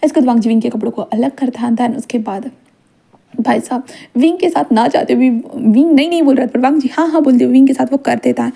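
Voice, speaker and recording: A woman's voice: high-pitched, fast talker, creaky, warm tone, slightly rough. A woman casually narrating a fan-fiction story in a chatty way, with filler asides.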